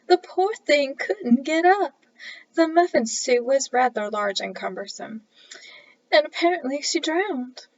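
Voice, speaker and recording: A woman's voice: expressive, a little slow, no room sound. A woman voicing an obnoxious, wailing woman who shrieks her account of an accident. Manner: wailing, high and loud. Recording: dull lo-fi recording.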